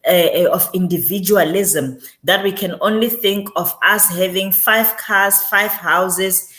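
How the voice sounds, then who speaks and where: A woman's voice: on the low side, unhurried, a bit bright. A woman guest, a community developer and author, talking reflectively in an interview and driving points home by repeating phrases. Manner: emphatic, repeats phrases for weight.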